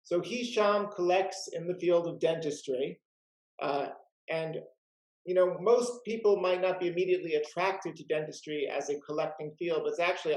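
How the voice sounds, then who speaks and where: A man's voice: fairly high pitch, echoey room, poor audio. A man hosting a casual video-call chat about rare books, talking in a chatty way full of "uh" and "you know". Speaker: rare book dealer and host.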